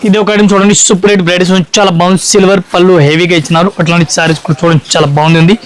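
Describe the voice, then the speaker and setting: Rapid high-voiced salesman. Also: little pitch movement, slight background noise, rough recording. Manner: rapid repetitive sales patter. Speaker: saree shop salesman. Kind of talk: product showcase pitch.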